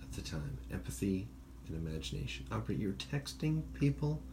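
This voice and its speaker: With a fairly low pitch that swings widely, a podcast host talks at a moderate pace in a casual, rambling chat. He swears freely and does voices for the people he quotes. Faint noise and birds outside sit in the background.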